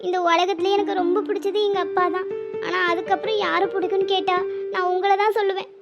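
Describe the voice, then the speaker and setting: A woman voicing a sweet, devoted young village woman in a cartoon, in a high, soft, girlish voice. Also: level tone, quick pace, vocal fry, over loud music. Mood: tender. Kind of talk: cartoon voice acting. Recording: slightly muffled lo-fi audio.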